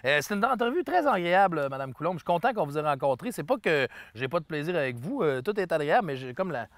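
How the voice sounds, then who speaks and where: A man's voice: a little high, very animated, fast, no echo. A man with a Quebec French accent hosting a comedy tour show outdoors, telling absurd tall tales with a straight face. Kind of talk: jokey guided tour, mock reporting.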